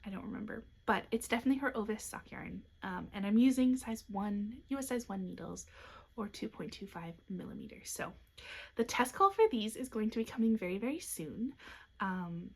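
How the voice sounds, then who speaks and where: A woman's voice: mid-range voice, animated, brisk, slightly rough. A young woman hosting a knitting podcast, showing off her designs in a chatty, upbeat way. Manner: chatty and upbeat, with soft asides. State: has hiccups. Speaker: knitwear designer and podcast host. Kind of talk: casual show-and-tell podcast chat.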